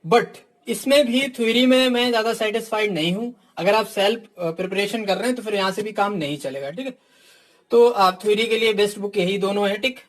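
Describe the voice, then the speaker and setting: A brisk, high-voiced man with a fairly bright tone reviews books for exam takers in a casual lesson. Frank by nature, he peppers his speech with "ठीक" (theek) and talks straight to the students, whom he calls "my dear."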